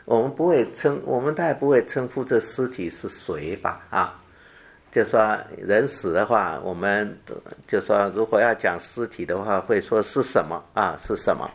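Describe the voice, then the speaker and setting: A man with a fairly low voice gives a Bible teaching sermon. He talks haltingly, with fillers and repeated phrases. When he reads the scripture quotes, he drops to a softer voice. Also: vocal fry. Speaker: preacher.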